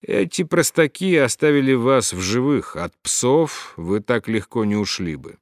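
A man reading a sharp-tongued, scornful young woman in an audiobook. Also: medium pitch, very animated, a little slow, no echo, studio quality. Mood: cold, wary. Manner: cutting and blunt.

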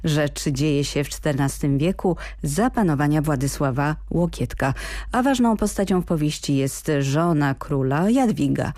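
A woman's voice: sits low, animated, measured pace, a little mellow, no echo. A woman presenting a radio programme, delivering scripted announcements in a polished, formal way. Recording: dry studio.

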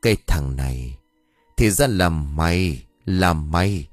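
A man's voice: low voice, animated, slow, no echo, clean studio sound, faint music behind, pitched below the performer's own voice. A man voicing an old male village sorcerer, stern and hot-tempered, scolding in exasperation. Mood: exasperated.

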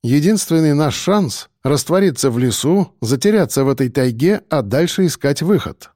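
A male audiobook narrator with a dark, mellow timbre, telling a first-person story in a steady and tense way. The recording is dry and close, with no room around the voice. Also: fairly high pitch, normal speed, no echo.

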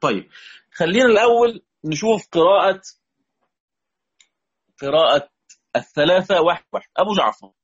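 A man's voice: sits high, lively intonation, normal speed, pauses often, husky, highs cut off. A man with an Egyptian accent teaching a recorded lesson on Quranic readings, patiently repeating key words and quizzing his students. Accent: Egyptian Arabic.

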